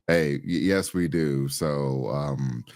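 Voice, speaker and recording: A man's voice: very deep voice, slow pace, darkish tone. A man co-hosting a podcast, talking in a loose, colloquial way with plenty of fillers. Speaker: podcast co-host. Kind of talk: casual political chat.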